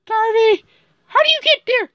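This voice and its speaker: A woman voicing an excitable young kid who squeals and chants toy names in a homemade toy skit. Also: extremely high pitch, moderate pace, dry recording. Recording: dull lo-fi recording with background noise.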